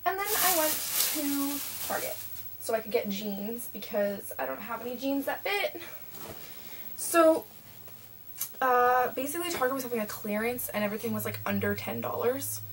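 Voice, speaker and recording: Young woman, bright high voice, rambling casual chat, distant webcam mic, light hiss. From Canada. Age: young adult. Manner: chatty and rambling, with many fillers. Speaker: vlogger. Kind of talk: casual haul video. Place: small cluttered bedroom. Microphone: webcam at desk distance.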